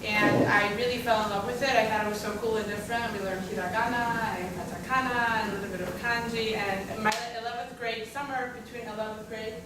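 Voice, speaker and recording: On a panel, a young Russian-born woman whose native tongue is Russian chats briskly about her life, pausing little and sprinkling in fillers and asides. Her voice is a little high with a steady tone. She's recorded far from the mic in an echoey room with background noise.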